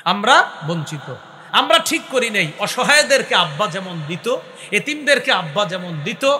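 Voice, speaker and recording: A man preaching a waz sermon, chanting verses and then explaining them in lively speech, sometimes dropping to a whisper. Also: sits high, moderate pace, in a large hall, slight background noise. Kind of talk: Bengali waz sermon with chanted Quran recitation.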